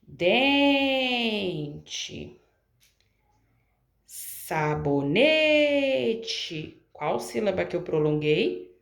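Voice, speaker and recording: A woman teacher explaining a lesson to pupils in a slow, patient way, drawing out syllables as she gives examples, with a Brazilian Portuguese accent. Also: fairly low pitch, vocal fry, reverberant.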